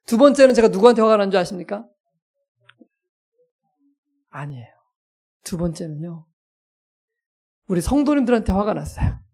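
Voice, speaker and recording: A male pastor preaching a sermon as a lively story, acting out scenes and poking fun at himself. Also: sits high, moderate pace, vocal fry, long pauses. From South Korea. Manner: lively, self-mocking storyteller who acts out scenes.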